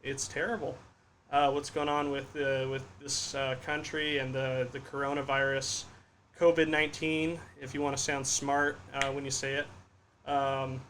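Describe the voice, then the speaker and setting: Rambling bright-voiced young man host. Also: mid-range voice, little pitch movement, normal speed. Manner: rambling, self-deprecating, many fillers and restarts. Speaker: podcast host. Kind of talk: casual solo livestream podcast. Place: home room in Florida with a fan running. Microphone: podcast studio microphone. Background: faint fan hum.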